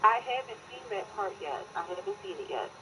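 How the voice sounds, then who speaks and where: A woman's voice: medium pitch, sing-song, fairly quick, sharp tone, slight background noise. Woman caller on a headset phone line. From Philadelphia area, US. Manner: blunt, emphatic opinions. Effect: phone call through a bluetooth headset, dropping out. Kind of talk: call-in radio chat.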